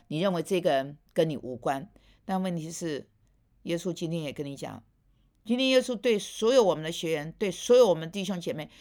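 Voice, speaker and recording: A woman preacher giving a sermon, earnest and pressing her listeners with pointed rhetorical questions, sometimes dropping to a soft, quiet voice. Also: lowish voice.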